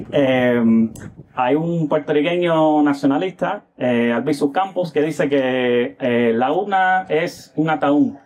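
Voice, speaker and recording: A man from the United States, with a fairly high pitch and a darkish tone, gives casual political commentary as a guest. His delivery is hesitant, peppered with filler sounds and rhetorical tag questions.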